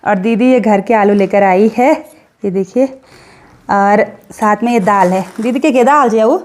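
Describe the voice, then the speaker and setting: With a medium-pitched, slightly mellow voice at a moderate pace, a young Uttarakhand woman gives casual vlog narration and chat. She's outdoors around her hill village in India, filming on a phone camera, cheerful and teasing with neighbours.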